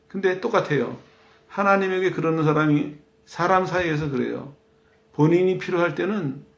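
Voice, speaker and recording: A man's voice: on the high side, gravelly, roomy sound. A man preaching a sermon as pastor, in a conversational style that asks rhetorical questions of the congregation.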